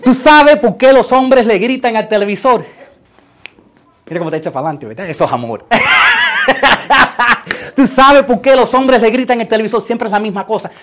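A middle-aged man, preaching a lively sermon and acting out quotes, sometimes shouting. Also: very high voice, normal speed, pauses often, slight background noise. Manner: animated, acts out quotes and shouts for emphasis. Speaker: pastor.

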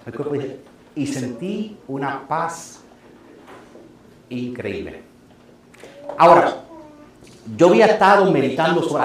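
A man preaching as pastor, telling a personal story in an animated way and laughing often. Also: fairly high pitch, very echoey, slight background noise. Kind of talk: sermon testimony. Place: church sanctuary.

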